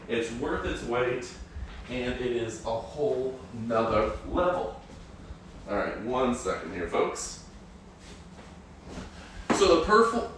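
A man in his thirties talks up products with salesy excitement, speaking straight to his viewers. His voice sits at a middle pitch. The room around him rings a bit, with a faint hiss underneath. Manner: upbeat salesy pitch, addresses viewers as folks. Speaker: product reviewer. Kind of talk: live product review. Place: home studio room. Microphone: fixed camera, moves around the room. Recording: roomy home studio echo, faint noise.

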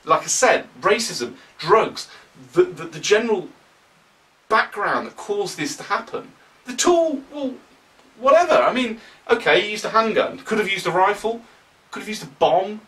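A young man with a British accent giving animated, opinionated commentary to camera, often sarcastic. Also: sits high, moderate pace, distant mic, poor audio. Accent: British English. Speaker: political vlogger.

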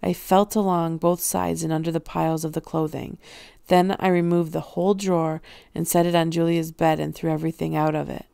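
A woman reading a novel aloud in first-person narration, with a steady, even delivery. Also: low-pitched, brisk, creaky, smooth, no room sound, clean studio sound. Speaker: audiobook reader.

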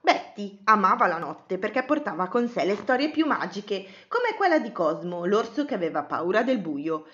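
A woman narrating and dramatizing a children's picture story with an animated, expressive delivery. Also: mid-range voice, normal speed, hardly any pauses, lo-fi sound.

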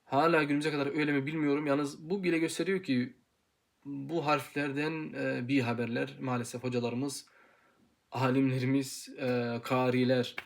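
An earnest young man in his twenties gives an informal pronunciation lesson, drilling syllables one by one. His voice sits at an ordinary middle pitch, and he talks with frequent pauses and restarts as he works through his points. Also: level tone, creaky. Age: 20s. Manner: hesitant with many pauses and fillers. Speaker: Quran recitation teacher.

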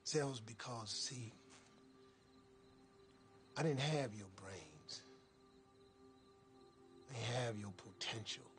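A man's voice: medium pitch, slow, long pauses, soft background music, lightly acted. A middle-aged actor with an American accent playing a proud, plain-spoken father in a film drama. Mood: earnest, reflective. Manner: plain-spoken, heartfelt, colloquial. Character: earnest, proud father counseling his teenage son. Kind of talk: naturalistic film drama acting.

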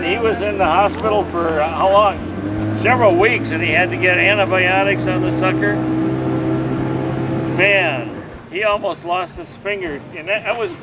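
An older man with a high-pitched voice hosts and films a casual interview on an outdoor marina dock by the water. He is chatty and teasing and hands out tips, and the recording is rough.

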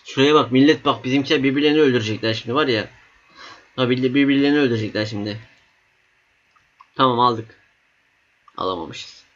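Excitable young man commentating a battle game. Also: mid-range voice, fast talker, pauses often. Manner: excitable, swears casually, cheers on units. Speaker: gaming YouTuber. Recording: slightly dull lo-fi mic.

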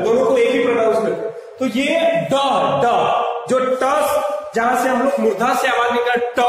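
A man with a very high voice teaches pronunciation, patiently sounding out words one by one and addressing his viewers as friends. He is heard from far off the mic in a strongly echoing room with a long reverb tail. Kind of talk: pronunciation lesson.

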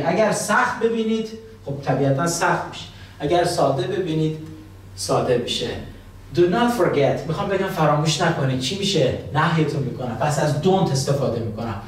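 A man teaching English, explaining in Persian and slowly repeating English phrases for students to copy. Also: a little high. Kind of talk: language lesson, explaining and drilling phrases. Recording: very echoey room, voice from a distance.

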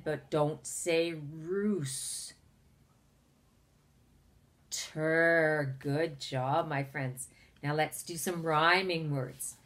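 Slow, encouraging woman teacher. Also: low voice, a bit bright. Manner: slow, carefully enunciated, encouraging. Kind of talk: phonics lesson for young children.

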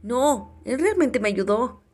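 A battered schoolboy speaks earnestly and in a hurry, voiced by a woman reading aloud. His voice sits a little above her usual pitch. It is from a spoken storybook. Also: expressive, slow pace, darkish tone. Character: battered schoolboy, shaken but eager.

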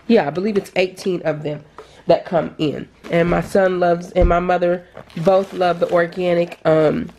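A middle-aged woman vlogging casually, chatting excitedly to her viewers about her groceries. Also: on the low side, moderate pace, slight background noise. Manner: chatty, excited, addresses viewers as "you guys". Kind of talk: casual shopping vlog and haul. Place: store aisles, then at home.

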